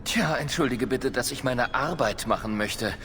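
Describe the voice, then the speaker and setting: A man's voice: medium pitch, moderate pace, fairly bright tone, long reverb tail, lightly acted. An actor playing a snide, impatient workaholic man with a sarcastic manner in a video game. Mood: sarcastic, irritated.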